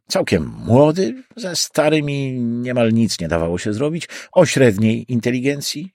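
A man's voice: fairly low pitch, darkish tone, dry recording, clean studio sound. A man narrating an audiobook in a dramatic, varied reading. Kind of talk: scripted narration.

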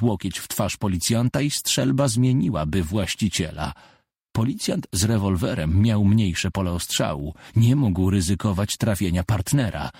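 A man reading a first-person audiobook in a measured, deadpan way. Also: lowish voice, husky, no room sound, clean studio sound.

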